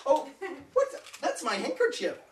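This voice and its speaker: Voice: high voice, huge pitch swings, a little slow, distant mic. A party magician doing playful, teasing patter for children, often laughing between lines. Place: birthday party, indoors. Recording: roomy home video from afar. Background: loud chattering crowd and noise.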